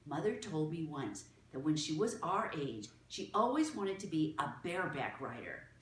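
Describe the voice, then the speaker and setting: A woman's voice: low-pitched, very animated, moderate pace, roomy sound, a little hiss or hum, voice pushed down. A woman voicing a soothing, matter-of-fact young girl in a storybook reading.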